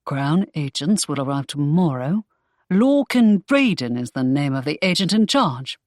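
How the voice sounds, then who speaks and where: A protective young nobleman in a romance audiobook, voiced by a woman narrator, pitched well below her own voice. He talks low and tender with a teasing edge. The recording is close and dry. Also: big pitch swings, measured pace, darkish tone, no echo. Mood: terse.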